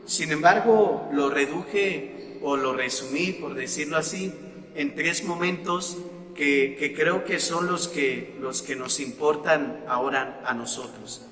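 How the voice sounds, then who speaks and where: A man with a Mexican Spanish accent, a parish priest giving a sermon-style talk to his congregation, pausing often on fillers and repeating words. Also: fairly high pitch, a bit bright, echoey room, long reverb tail. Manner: slow and deliberate, with frequent fillers and repeated words.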